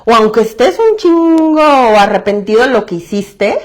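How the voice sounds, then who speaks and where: A woman's voice: a little high, expressive, normal speed. A woman with a Mexican Spanish accent giving a candid testimony talk to a self-help group, blunt and emphatic, swearing freely and repeating phrases for emphasis.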